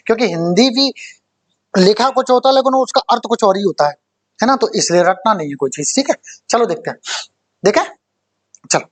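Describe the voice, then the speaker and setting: A young male teacher gives a spoken vocabulary lesson, coaxing students and quizzing them over and over. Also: high-pitched. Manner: coaxing, repeats "theek hai bhai" and quizzes students.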